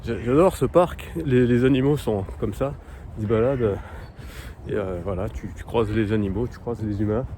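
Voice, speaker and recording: A man talking casually to the camera while walking outdoors in a park, hesitant and full of fillers, slowly sounding out foreign words. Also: on the low side, dark tone, a little hiss or hum. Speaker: vlogger learning Polish. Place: outdoor park in cold weather.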